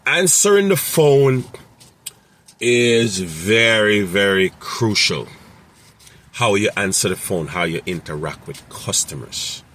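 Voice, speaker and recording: A man's voice: deep voice, fairly bright tone, slightly rough. A man who runs a mobile mechanic business, giving casual, rambling advice with many fillers and repeated phrases.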